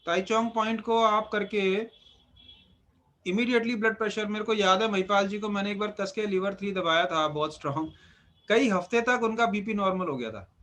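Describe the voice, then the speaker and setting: High-voiced man teaching a class. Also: moderate pace, fairly bright tone. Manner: instructive, repeats phrases for emphasis. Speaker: acupuncture teacher. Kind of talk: live class lecture.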